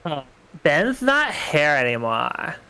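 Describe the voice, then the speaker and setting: A man's voice: fairly high pitch, very animated, takes it slowly, pushed and bright, clear, resonant tone. A man chatting casually as a co-streamer on a game livestream. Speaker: co-streamer reading game dialogue.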